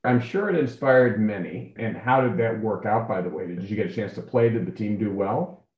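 A man's voice: on the low side, normal speed. Male interview host, roomy dull sound. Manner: encouraging, asks follow-up questions. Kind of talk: conversational interview.

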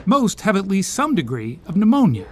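High-pitched man, animated news narrator. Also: fairly quick, slight background noise. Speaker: news correspondent narrating a feature.

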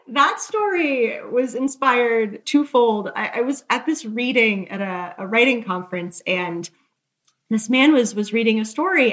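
Fairly high in pitch and a bit bright, the author's voice carries her candid anecdotes through a conversational interview. She hedges a lot and often turns jokes on herself.

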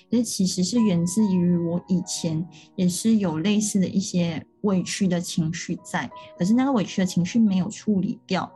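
A woman with a lowish voice and dark tone co-hosts a podcast. She talks through ideas earnestly in a casual chat, explaining things step by step.

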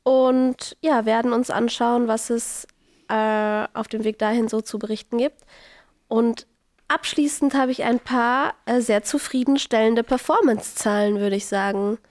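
Nasal, higher-pitched Austrian woman hosting. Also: fairly even intonation, a little slow, darkish tone, no echo. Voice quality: nasal, congested. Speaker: podcast host. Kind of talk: casual podcast hosting.

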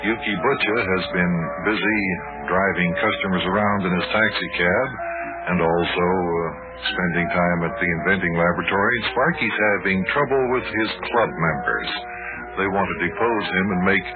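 A man's voice: sits low, phone-quality sound, natural voice. A man narrating and playing a genial grown-up in an old children's radio show, reassuring and storytelling. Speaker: narrator and host.

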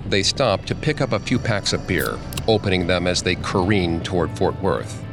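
A man narrating a scripted true-crime story in a steady, grave manner. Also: low voice, moderate pace, music in the background. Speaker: podcast narrator.

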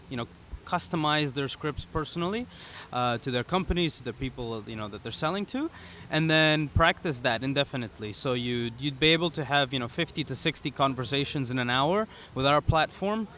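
A young man, a startup founder being interviewed on a podcast, talking in a relaxed way with many "you know"s. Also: fairly high pitch, slight background noise. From Serbia, raised in the UAE. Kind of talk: casual interview. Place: pop-up studio at a conference.

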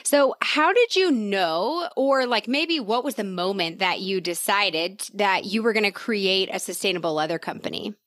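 A woman's voice: mid-range voice, animated, moderate pace, hardly any pauses, a bit bright. A woman hosting a podcast, bubbly and enthusiastic, gushing as she reads her intro and interviews a guest. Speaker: podcast host.

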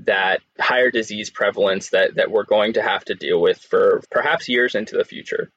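A man's voice: fairly low pitch, moderate pace, a bit bright, husky, dry recording, muffled recording. A male guest analyst answering interview questions thoughtfully, with small restarts.

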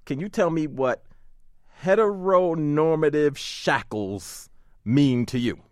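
A man hosting an interview, asking the guest questions in a relaxed, joking way. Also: fairly high pitch, slow pace, no echo.

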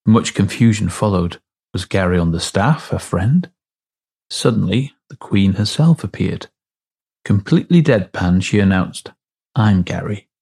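A man with a very low, gravelly voice reads a devotional in an unhurried, reverent way. His tone is husky and a little rough at the edges. Every phrase is measured and deliberate. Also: a little mellow. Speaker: devotional reader. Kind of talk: scripted devotional reading.

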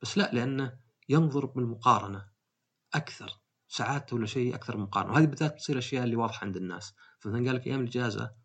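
Fast-talking gravelly man. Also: medium pitch, fairly bright tone. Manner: rambling, conversational, with many fillers. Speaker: podcast host. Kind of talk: casual monologue.

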